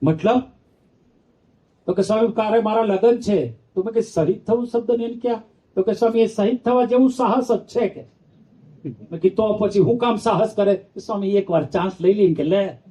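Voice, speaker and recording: Male monk with a lilt, high and mellow, telling teasing stories in a sermon. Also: normal speed. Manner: playful, acts out the characters, teases the audience. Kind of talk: storytelling sermon. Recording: dull lo-fi sound.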